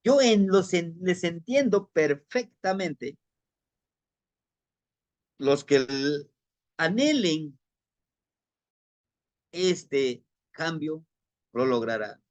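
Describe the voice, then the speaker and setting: A humble young butterfly, once a worm, speaks calmly and earnestly in a spoken fable, voiced by a man. The delivery is slow and the voice slightly high. It sounds dry and close to the mic. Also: no room sound, full character voice.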